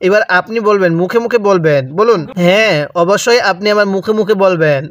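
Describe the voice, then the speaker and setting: A man with a Bangladeshi Bengali accent teaching Quran reading. He spells out each syllable slowly and has learners repeat after him. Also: sits high, no echo, studio quality. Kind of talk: spelling-out recitation lesson.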